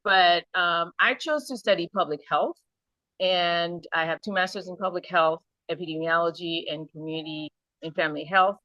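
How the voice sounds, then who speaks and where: A middle-aged woman from Haiti, answering interview questions earnestly and thoughtfully, often pausing to rephrase. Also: fairly low pitch, bright, forceful tone, no echo, dull audio. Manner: earnest, thoughtful, with light laughs and restarts. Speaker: nonprofit founder and program director.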